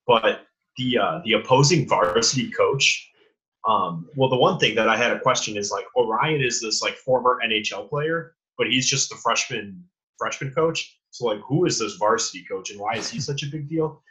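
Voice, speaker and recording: A man's voice: medium pitch, animated, normal speed, sharp tone, low-quality recording. A young man co-hosting a podcast, rambling loosely as he explains favorite lines from a movie. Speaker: podcast co-host. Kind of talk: casual movie discussion.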